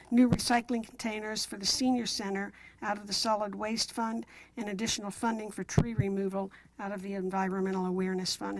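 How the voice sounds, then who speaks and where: A city council member, a woman with a mid-range voice, formally presents motions and explanations at a meeting in a businesslike, procedural manner. The audio quality is poor.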